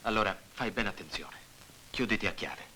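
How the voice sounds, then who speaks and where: An actor playing a grim, protective man who speaks in a low, hushed, steady voice in a dubbed film drama. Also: moderate pace, slight background noise, rough recording. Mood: urgent.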